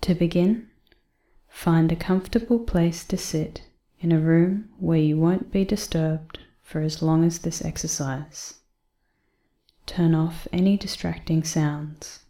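Calm lady reading a breathing exercise, low-ish soft voice, drifts into whispers, echoey room. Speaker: meditation guide. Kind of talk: guided breathing exercise read aloud.

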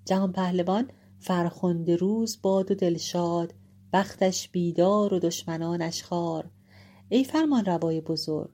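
A woman voicing a wise old nursemaid who speaks with calm authority and formal, courtly address in a told story. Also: fairly low pitch, close to an everyday voice.

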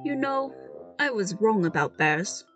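A woman's voice: medium pitch, lively intonation, unhurried, faint music behind, lightly acted. A woman voicing a whimsical, childlike gray-haired man king who pleads and pouts. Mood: sulky. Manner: pleading, wheedling, pouty.

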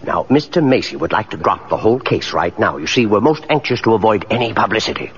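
A man's voice: on the low side, sing-song, fast talker, slightly rough, exaggerated voice. A male actor playing a nervous, fawning department store underling who stammers, in a muffled 1940s radio drama. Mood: anxious, ingratiating. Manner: stammering, hesitant. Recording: muffled, noisy old radio recording.

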